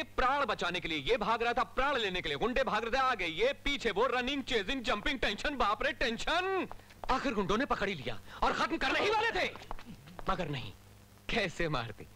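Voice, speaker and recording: An actor dubbing a cocky young police officer who talks in a wry, theatrical way. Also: male voice, a little high, pushed and bright, heavily acted. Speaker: hero in a dubbed film. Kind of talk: Hindi film dubbing.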